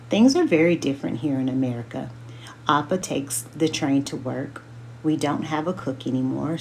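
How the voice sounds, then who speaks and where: A woman reading a children's book aloud as a book club host, slowly and carefully sounding out names. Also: deep voice, vocal fry, darkish tone, slight background noise.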